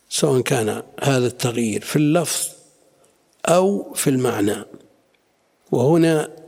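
Middle-aged sheikh, explanatory classroom teacher, gravelly with a rough husky edge. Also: male voice, mid-range voice. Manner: explanatory, questions students, quiet asides. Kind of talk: classroom lesson explaining a text.

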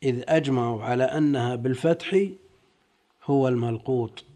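A man teaching as a sheikh. He reads out classical commentaries and explains them deliberately, drawing out key words. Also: medium pitch, mellow.

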